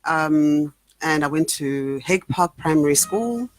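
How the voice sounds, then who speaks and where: A woman's voice: low-pitched, animated, unhurried, dry recording, faint music behind, low-quality recording. A woman from Zimbabwe, a guest on a radio breakfast show, chatting playfully and laughing in a studio. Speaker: guest, executive director of an arts trust. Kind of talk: casual radio interview chat.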